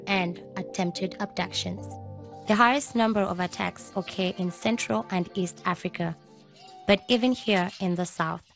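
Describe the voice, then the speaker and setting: A woman from Zambia narrates a documentary in a measured, informative way. Her voice sits somewhat low, and clear music plays under her narration. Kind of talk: scripted narration.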